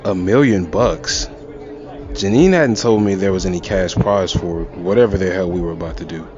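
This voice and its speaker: A low-voiced man narrates a first-person horror story with tense, dramatic delivery. The sound is dull and lo-fi, with loud music and a cheering crowd underneath. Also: a little fast.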